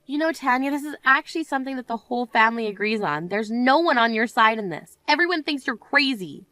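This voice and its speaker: Playing a composed young bride in an animated story, a woman delivers her lines in a cold, firm, measured way. Her pitch is on the high side, and the recording has no echo.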